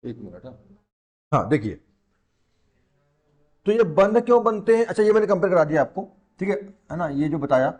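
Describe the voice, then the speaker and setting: A man's voice: high voice, very animated, moderate pace, pauses often, darkish tone. A man teaching a science class as a tutor, chatty and teasing, talking straight to his students. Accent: Hindi. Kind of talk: classroom lesson in Hindi.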